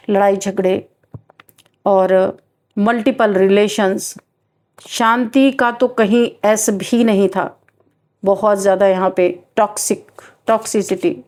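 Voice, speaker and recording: A woman's voice: mid-range voice, a little mellow. A woman with a Hindi accent giving an emphatic, earnest tarot reading to viewers, often repeating her key phrases. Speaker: tarot reader.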